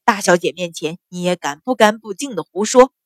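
A woman voicing a burly male retainer who talks gruffly and mockingly. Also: on the low side, lively intonation, brisk, dry recording, studio quality, natural voice.

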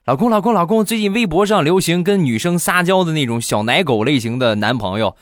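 A man's voice: fairly high pitch, animated, fairly quick, no room sound, clean studio sound, pitched above the performer's own voice, lightly acted. A man voicing his young wife, whiny and wheedling, in a raised pouting voice. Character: whiny young wife, playful and sharp-tongued.

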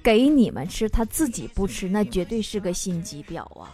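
A woman hosting a comic talk show, reading out listener messages and answering them with teasing, sharp-tongued jokes. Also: mid-range voice, sing-song, moderate pace. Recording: studio voice over music.

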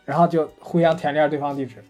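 A man co-hosting a casual podcast chat, telling anecdotes in a lively, chatty way. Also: fairly high pitch, rapid-fire, highs cut off, faint music behind. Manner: chatty storyteller, animated retelling of anecdotes. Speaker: podcast co-host. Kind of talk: casual chat about gadgets.

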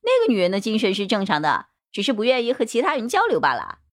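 A fawning, cowardly male gang boss, put on by a woman pleads in a squeaky, jumpy voice that swings wildly up and down. He sounds eager to please and quick to fold under questioning, like a frightened crook in a spoken crime story. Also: wildly swooping pitch. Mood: flustered.

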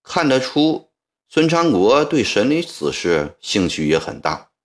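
A male storyteller reading a historical tale slowly and with a wide, lively rise and fall. His delivery is expressive and dramatic, mid-pitched and unhurried.

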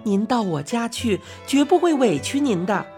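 A gentle young woman who speaks softly and sweetly in a slightly raised voice, as a woman narrator puts her on. Music plays faintly behind this storybook reading. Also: on the high side, very animated, moderate pace, pitched above the performer's own voice. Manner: soft and sweet.

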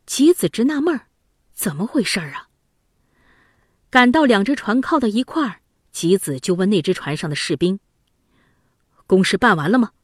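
Expressive woman storyteller, lively pitch. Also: moderate pace, slightly rough, dry recording, clean studio sound. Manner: expressive, dramatic. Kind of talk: children's story narration.

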